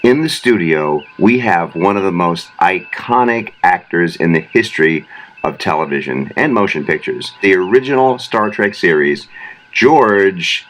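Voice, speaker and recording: A man hosting a mock interview in a studio, asking brisk, upbeat questions. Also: sits low, expressive, fairly bright tone. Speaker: podcast host.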